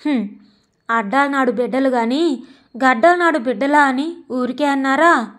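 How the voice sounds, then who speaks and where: Proud, wounded elderly mother with a sharp, scolding edge, read by a woman narrator; storybook reading, pitch sitting fairly high. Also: unhurried. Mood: angry, bitter. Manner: bitter, scolding.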